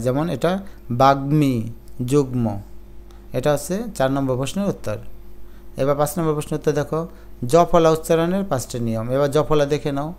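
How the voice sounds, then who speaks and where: Guy teaching exam prep, goes through rules one by one w examples, kinda high clear voice. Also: a little mellow. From Bangladesh. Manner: explains step by step with worked examples.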